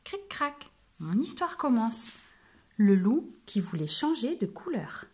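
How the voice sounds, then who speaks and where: A woman telling a storybook to young children, reading in a gentle, slow voice. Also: on the high side, big pitch swings.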